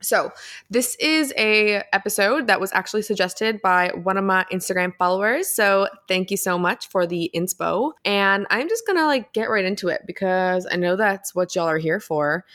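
A woman's voice: mid-range voice, lively intonation, normal speed, fairly bright tone. A woman hosting a casual solo podcast, giving advice in an upbeat, tidy vlogger style with chatty, slangy informality. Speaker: podcast host.

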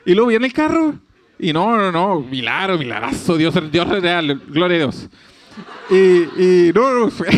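A young man with a Mexican accent, casually telling a personal story with lively asides and quoted voices. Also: fairly high pitch. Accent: Mexican Spanish. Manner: animated, chatty, fillers, laughs, quotes others.

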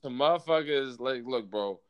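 A man's voice: medium pitch, moderate pace, smooth, no room sound. A young American man debating casually in slangy frat-bro talk, swearing and stammering over repeated words.

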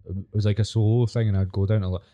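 Very dark-toned, low-pitched Glaswegian man. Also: steady tone, racing, muffled recording. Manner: blunt, sweary. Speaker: podcast host. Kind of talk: casual chat.

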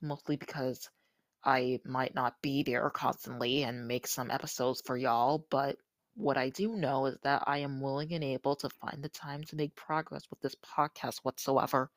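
An eighteen-year-old podcast host talking casually in a slightly crusty, somewhat monotone voice, recorded with earbuds used as a microphone. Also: mid-range voice, moderate pace, dry recording. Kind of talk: casual solo podcast talk.

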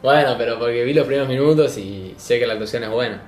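A man's voice: mid-range voice, fast talker, roomy sound. A man co-hosting a casual podcast chat, speaking Rioplatense Spanish, hedging with short interjections. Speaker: podcast co-host.

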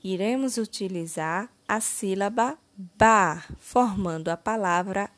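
Slow, deliberate Brazilian woman teacher. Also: medium pitch. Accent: Brazilian Portuguese. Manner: slow, deliberate, syllable-by-syllable word stretching. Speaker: primary school teacher. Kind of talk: slow, clear lesson narration.

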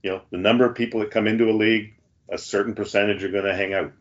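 A man's voice: lowish voice, steady tone, rapid-fire. A man hosting a podcast, chatting casually with lots of restarts and fillers. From Canada. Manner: rambling, many restarts and fillers. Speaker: podcast host. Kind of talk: casual chat. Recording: dull lo-fi sound.

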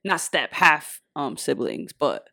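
A young woman co-hosting a podcast, talking casually and hesitantly, often pausing and restarting. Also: low voice, huge pitch swings, gravelly, bright, forceful tone, no echo, clean studio sound. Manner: hesitant, full of restarts and fillers. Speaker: podcast co-host. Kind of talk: casual chat.

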